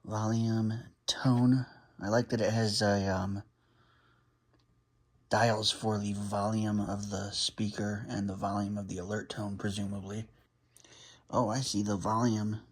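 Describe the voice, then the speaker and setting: Filming on a handheld phone, a radio hobbyist vlogger unboxes and sets up a radio, chatting casually and muttering as he handles the gear. His voice is fairly low, flat and unhurried.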